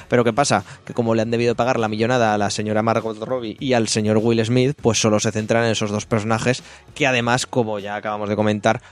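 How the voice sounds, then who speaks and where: Ranting man from Spain. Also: mid-range voice. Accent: Spain Spanish. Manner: blunt, swears freely, rants. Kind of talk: casual film review chat.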